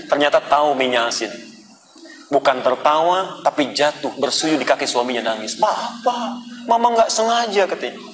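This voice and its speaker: A man's voice: sits high, noisy background. A man preaching a sermon to an audience, telling a story with acted quotes and putting questions to the listeners. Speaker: Islamic preacher.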